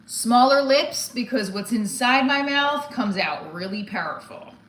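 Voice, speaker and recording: On a livestream with some background noise and a roomy echo, a stand-up comedian in her forties chats in a slightly high, fairly bright voice. She is candid and blunt, wandering from topic to topic and often cutting herself off mid-thought.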